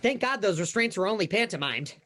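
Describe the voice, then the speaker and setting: A woman's voice: mid-range voice, expressive, fairly quick, fairly bright tone. A woman playing an earnest, dramatic teenage boy hero in a sci-fi comedy spoof. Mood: deflated.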